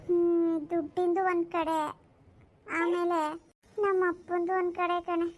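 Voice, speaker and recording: Sad cartoon schoolgirl: soft, plaintive, extremely high. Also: monotone, a little slow. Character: sad little schoolgirl with troubled home. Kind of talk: cartoon voice acting.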